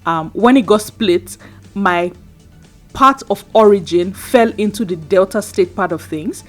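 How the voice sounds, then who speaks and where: A woman, a radio guest chatting casually and animatedly with quick asides. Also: mid-range voice, soft background music. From Nigeria. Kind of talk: casual chat.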